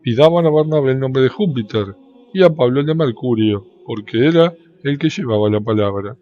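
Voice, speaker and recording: A man giving a measured, solemn scripture reading that lifts into a sung lilt at the ends of phrases. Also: mid-range voice. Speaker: Bible reader. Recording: dull, lo-fi with faint background noise.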